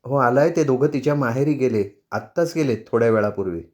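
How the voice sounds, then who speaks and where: Male narrator voicing an older mother; gentle, weary, placating. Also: medium pitch, expressive, fairly quick, close to an everyday voice. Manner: soft, placating. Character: patient older mother who dreads quarrels.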